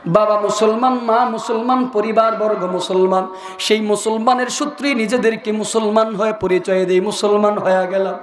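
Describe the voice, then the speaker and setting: Male preacher, very high voice, chants and sings his storytelling sermon. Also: steady tone, normal speed, roomy sound. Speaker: Islamic preacher. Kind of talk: sung Bengali waz sermon.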